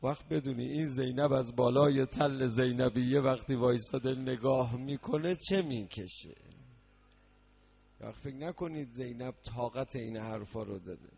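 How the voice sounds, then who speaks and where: A man preaching a mourning sermon that moves from quiet explanation into loud, sung lament. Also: medium pitch, vocal fry, slight background noise. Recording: dull lo-fi recording.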